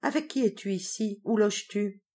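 A woman reading the part of a gentle, affectionate young woman in an audiobook, in a lifted, eager tone. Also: medium pitch, normal speed, voice pushed up, natural voice. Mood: tender.

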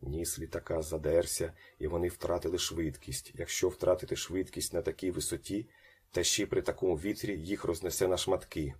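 A man reading a story aloud as an audiobook narrator, acting out the shouted lines and dropping to a slow hush. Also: low-pitched, fairly even intonation, breathy edge.

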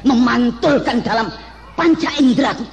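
Hammy, declamatory lovestruck husband, echoing hall. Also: male voice, very high-pitched, expressive, normal speed, vocal fry, heavily acted. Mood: grandiloquent wooing. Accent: Javanese. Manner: hammy, declamatory stage-actor delivery with flowery phrases. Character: earnest young husband, grandiloquent, sentimental lover declaring love. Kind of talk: comic folk stage drama. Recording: echoey hall, long reverb.

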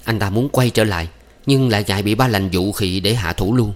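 Low-voiced male story narrator. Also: fairly quick. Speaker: audiobook narrator.

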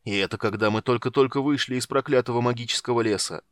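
A man doing a gruff, bellowing big warrior. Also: medium pitch, fast, no room sound, close to an everyday voice. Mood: grumbling. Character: big strong male warrior, worried brother.

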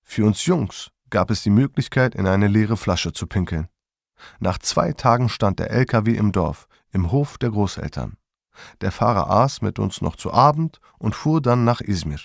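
A man calmly narrating his memoir in a measured storytelling manner. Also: fairly low pitch, vocal fry, no room sound, clean studio sound.

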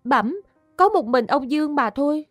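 A woman's voice: sits high, expressive, moderate pace, dry recording, studio quality, faint music behind. A woman playing a polite young woman who is accused of murder and answers an official deferentially. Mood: pleading. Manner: deferential, pleading.

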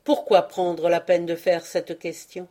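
A woman's voice: on the low side, little pitch movement, unhurried, warm tone, lightly acted. A woman reading aloud and voicing a humble old male Chinese gardener, deferential and imploring in a storybook. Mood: pleading. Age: older. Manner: deferential, imploring, bursts out in anguish.

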